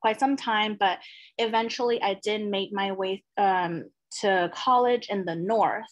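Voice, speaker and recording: A woman's voice: mid-range voice, a little slow, dull audio. A young woman from China, a panel guest, earnestly telling her own story with filler words.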